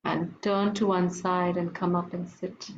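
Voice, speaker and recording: A woman's voice: lowish voice, flat delivery, unhurried. Soothing woman leading breathing practice, echoey room. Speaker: yoga breathing class instructor. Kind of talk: guided relaxation and breathing instruction. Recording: echoey room, dull lo-fi, faint noise.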